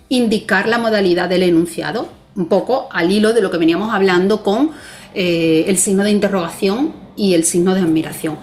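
A woman guest explaining punctuation in a conversation, patient and methodical, often checking in with tag questions. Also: medium pitch. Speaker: Spanish language expert guest.

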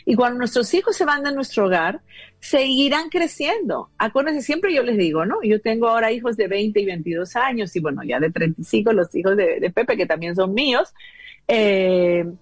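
A woman's voice: a little high, expressive, moderate pace, breathy edge, no room sound. A woman in her fifties talking as a guest about parenting, explaining earnestly with many fillers. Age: 50s. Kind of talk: conversational advice talk.

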